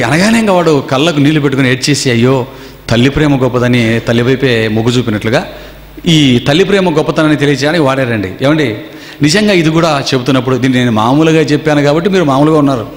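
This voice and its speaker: A man preaching a sermon to a gathering. He tells stories and keeps firing rhetorical questions at his listeners. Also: medium pitch. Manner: storytelling with rhetorical questions to the audience. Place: seminar hall. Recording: echoey hall with long reverb.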